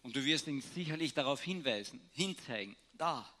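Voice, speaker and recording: A man preaching a sermon, telling Bible stories with shifts between hushed and raised emphasis. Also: mid-range voice, animated, normal speed.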